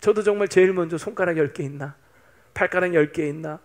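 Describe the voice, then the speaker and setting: A man's voice: on the high side, fast, darkish tone. A man in his fifties, a pastor preaching a sermon in a chatty, playful way, teasing the congregation. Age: 50s.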